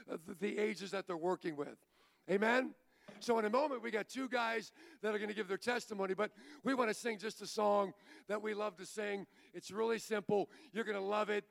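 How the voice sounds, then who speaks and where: A man's voice: high-pitched, creaky, fairly bright tone. A man preaching a sermon as pastor, exhorting the congregation, calling for amens and stumbling into stammered restarts. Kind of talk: sermon with congregation call-and-response.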